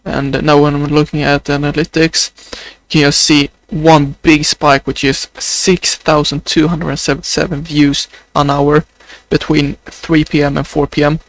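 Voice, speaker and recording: Recorded in low quality, a young man with a Swedish accent and a fairly high, level voice talks unscripted in his video diary. As a video journal creator he comes across hesitant, slow and halting, using many fillers, and his voice is said to sound close to crying.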